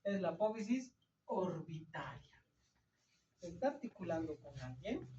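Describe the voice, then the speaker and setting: This anatomy lecture has the teacher questioning students, then answering on their behalf while sketching at the board. The voice is medium-pitched, warm and unhurried with big pitch swings, captured far from the mic in an echoey classroom as dull lo-fi audio with slight background noise.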